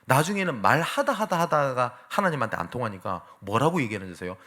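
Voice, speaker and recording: A man's voice: medium pitch, animated, fast, bright, forceful tone. A male pastor preaching a sermon in a church, often asking the congregation questions. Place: church sanctuary.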